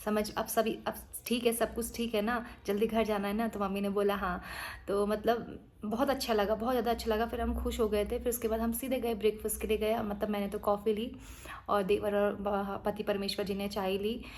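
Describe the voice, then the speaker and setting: A woman's voice: medium pitch, little pitch movement, a little fast, darkish tone. A woman narrating her day in a chatty, teasing way, sounding tired. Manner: chatty, teasing, storytelling with quoted asides. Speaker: vlogger. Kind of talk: casual vlog narration.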